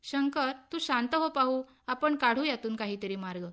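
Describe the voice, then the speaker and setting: A woman reading the part of a calm, concerned male friend who speaks gently and reasons, in a radio story. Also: high-pitched, normal speed. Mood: soothing.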